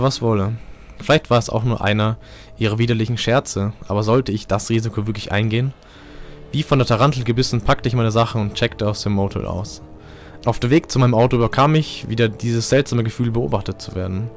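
A man, the host of a podcast, reading a first-person horror story aloud in a dramatic, steady way. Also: medium pitch.

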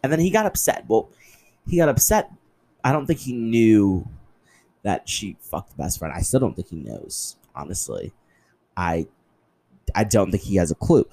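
A young man hosting his own podcast, chatting casually and animatedly, swearing often and jumping up in pitch for emphasis. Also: big pitch swings, normal speed, creaky, pauses often, mellow, slightly rough, rough recording. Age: young adult. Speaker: podcast host. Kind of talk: casual solo podcast chat.

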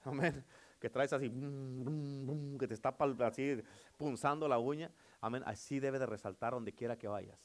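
A pastor preaches a sermon at normal speed in a mid-range voice, calling out "amen" often. He swings between loud declarations and hushed passages.

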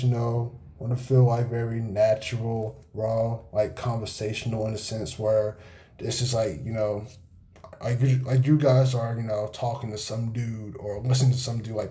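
Laid-back monotone young man on phone mic. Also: medium pitch. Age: young adult. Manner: monotone, laid-back, many fillers and pauses. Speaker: podcast host. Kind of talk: casual solo podcast talk. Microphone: cell phone.

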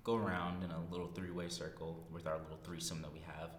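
Deep-voiced young man in an echoey room. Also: flat delivery, quick pace. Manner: self-deprecating, joking. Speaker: podcast host. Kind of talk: casual unscripted chat. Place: small echoey library study room. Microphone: podcast microphone. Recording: echoey room, reverb, background noise.

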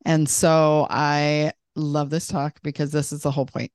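A woman with a notably low voice, speaking as a guest on a podcast. Her voice is dry and close, with no room sound, and she talks in a bubbly, talkative way. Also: level tone, measured pace, a little mellow, no echo. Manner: bubbly, talkative, laughs often. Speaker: podcast guest, life coach. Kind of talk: casual podcast chat.

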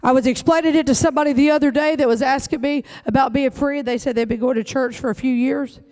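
A man's voice: very high-pitched, steady tone, quick pace, darkish tone. A male pastor, preaching an emphatic, folksy sermon.

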